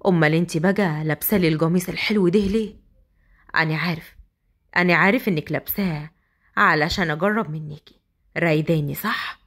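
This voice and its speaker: A woman voicing a drunk, domineering young husband, speaking in a low, slow murmur. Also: fairly bright tone. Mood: teasing.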